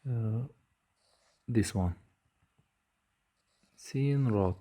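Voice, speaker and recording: Male lecturer, very dark mellow tone, slow and halting delivery with many hesitations. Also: mid-range voice. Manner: slow, measured, frequent hesitations with uh. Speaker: physics lecturer. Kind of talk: whiteboard lecture.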